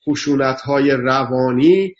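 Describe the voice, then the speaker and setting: A man speaking earnestly on a talk show, lecturing through emphatic repeated lists. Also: mid-range voice. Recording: dull lo-fi sound.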